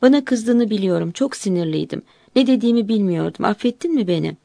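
A man's voice: high-pitched, animated, a little fast, gravelly, warm tone, no room sound. A woman voicing a remorseful man who speaks in an apologetic, pleading way in a story. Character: remorseful man, the narrator's partner.

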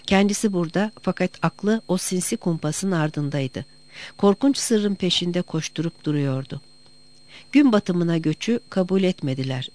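A narrator reads a historical novel aloud in a steady, measured way. The voice sits in a middle pitch. The delivery is plain scripted storytelling. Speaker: audiobook narrator.

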